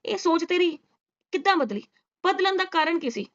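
A woman's voice: very high voice, expressive, moderate pace, highs cut off. A woman doing sarcastic reaction commentary, scolding and mocking with rhetorical questions. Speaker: reaction vlogger.

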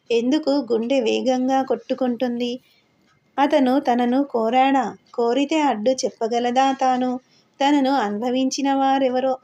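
A woman narrating an audio novel in a steady, reflective reading voice. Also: sits high.

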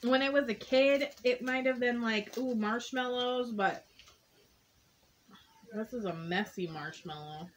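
A woman's voice: on the high side, a little slow, a little hiss or hum, poor audio. Blunt, joking woman taste-testing snacks. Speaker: snack box reviewer. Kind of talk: casual taste-test chat. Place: living room couch, indoors.

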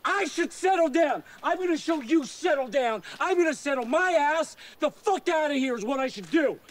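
A man's voice: very high-pitched, expressive, normal speed. An actor playing a terrified young male hiker in a film, swearing and agitated, talking outdoors in the woods. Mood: frantic. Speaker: panicked hiker. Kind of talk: film acting.

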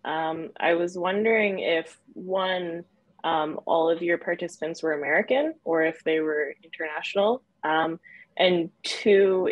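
A woman's voice: deep voice, dry recording, lo-fi sound. A woman from the audience asking a question politely and hesitantly, with many fillers.

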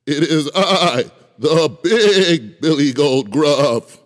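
Man doing a big loud billy goat, storybook voice, raised and defiant, echoey. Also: on the high side, extremely slow, pitched above the performer's own voice. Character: big adult male billy goat, bold.

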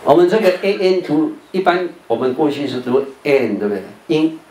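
An older man, a Buddhist monk, giving a televised lecture on English pronunciation. He explains patiently, ends many phrases with a drawn-out "哦" and stretches out the sounds he demonstrates. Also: on the high side, lively intonation, a little mellow. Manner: patient explaining, sentence-final "哦" particles, drawn-out demo sounds. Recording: roomy echo, faint background noise.

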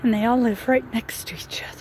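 An older woman vlogging casually while walking down a residential street, a little out of breath, chatting slowly and musing about what she sees. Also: on the high side, fairly even intonation, a little mellow. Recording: outdoor noise and passing cars.

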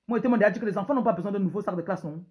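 A woman's voice: medium pitch, darkish tone, close to an everyday voice. Woman playing a nagging, stingy husband. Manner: nagging, quick, reproachful. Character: stingy, controlling husband nagging over spending.

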